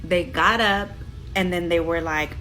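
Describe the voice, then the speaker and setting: Bright-voiced woman retelling a Bible story. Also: lowish voice, fairly even intonation, measured pace, faint music behind, poor audio. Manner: slangy, chatty, acts out the quotes. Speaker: host.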